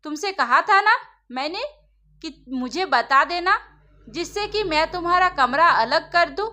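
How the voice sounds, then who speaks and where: A woman's voice: extremely high pitch, expressive, unhurried, pushed and bright, heavily acted. A woman voicing a stern, traditional older mother-in-law who scolds her daughter-in-law in a storybook. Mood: scolding.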